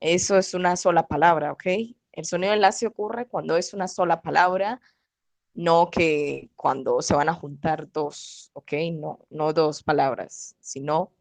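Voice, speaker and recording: A woman leads an online Korean lesson, speaking slowly and patiently. Her voice sits a little low, and she keeps asking her students if they follow. The close call mic sounds dry, with no room around it. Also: dry recording, poor audio. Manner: patient, repeats "¿ok?" and "¿cierto?" often. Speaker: Korean language teacher. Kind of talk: online class explanation.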